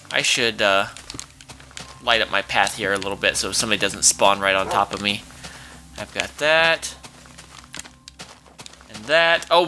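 A man with a sharp-toned, mid-range voice commentates casually while playing a video game with his child. In this let's-play style, he's chatty, exclaims often, and thinks out loud.

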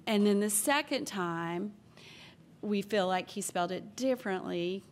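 Woman pronouncer reading spelling bee words. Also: mid-range voice. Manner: measured, reads definitions and sample sentences plainly. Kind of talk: announcing words at a public contest.

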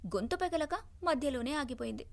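Expressive woman telling a storybook tale. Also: high voice, brisk, vocal fry. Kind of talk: scripted narration.

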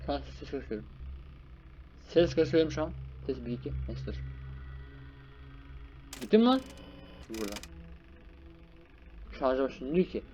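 A young man hosting a gaming channel, giving excited live commentary on a horror game and scolding its characters. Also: mid-range voice, moderate pace, pauses often, a little hiss or hum, low-quality recording. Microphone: desk microphone.

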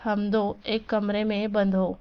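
A woman's voice: medium pitch, flat delivery, measured pace, smooth, highs cut off, natural voice. A woman voicing a playful young man who teases his fiancée affectionately, in a storybook reading. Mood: teasing. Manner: teasing, affectionate.

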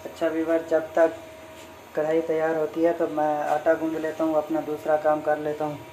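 Young man narrating his cooking, flat-voiced. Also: on the high side, normal speed, slight background noise, low-quality recording. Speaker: cooking vlogger. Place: home kitchen. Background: frying and sizzling in the pan.

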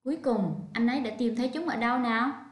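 A woman's voice: a little high, fast, roomy sound. Vietnamese woman teacher drilling English. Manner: patient, clear drilling of words. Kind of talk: online English lesson.

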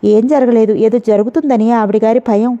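A woman's voice: a little high, steady tone, brisk, dark tone, close to an everyday voice. A woman voicing an angry husband who scolds sternly, read in a storybook. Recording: dull lo-fi audio.

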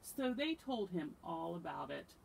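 Slow, lively woman storyteller. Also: on the low side, gravelly, a little hiss or hum. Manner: expressive, dramatic pauses. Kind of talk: reading a picture book aloud. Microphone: camera.

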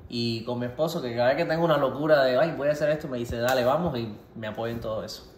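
A Cuban-accented man in his twenties runs a cooking vlog, speaking quickly at a medium pitch in a playful, informal question-and-answer style. He's recorded in an echoey home kitchen with faint noise in the background.

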